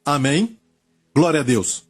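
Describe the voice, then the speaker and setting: A man's voice: on the high side, expressive, takes it slowly, husky. A man preaching and leading prayer, fervent and repetitive, calling out healing commands. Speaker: pastor.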